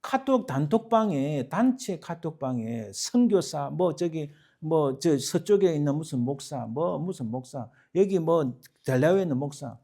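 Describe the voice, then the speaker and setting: Male pastor in his fifties, high voice, fervent sermon delivery with sudden loud outbursts. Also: animated, a little slow, gravelly, hardly any pauses. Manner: impassioned, swings from quiet asides to loud exclamations. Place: church sanctuary.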